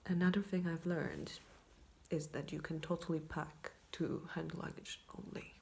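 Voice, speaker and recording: A low-voiced woman, talking in a quiet, often whispered night-time hush. Her voice is gravelly with fry and sounds tired. She rambles in a self-deprecating way, speaking casually up close to a phone. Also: steady tone, unhurried. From Poland. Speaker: vlogger. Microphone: iPhone, leaning in close.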